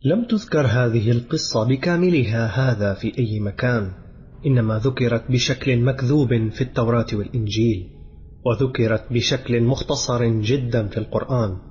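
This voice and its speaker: A man's voice: medium pitch, normal speed, darkish tone, slight background noise. Man narrating a dramatic audiobook. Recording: dull lo-fi audio with background music.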